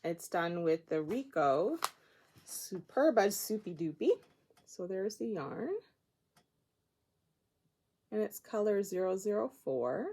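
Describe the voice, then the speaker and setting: A woman's voice: mid-range voice, lively intonation, slow, pauses often, warm tone. A woman from Nova Scotia hosting a craft podcast, chatting casually and rambling as she shows her projects, often laughing at herself. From Nova Scotia, Canada. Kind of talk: casual show-and-tell chat.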